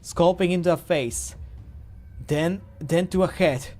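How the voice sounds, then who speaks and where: A man's voice: high-pitched, a little slow, a little mellow. A man streaming a game, reading dialogue aloud and commenting casually, often stumbling over words.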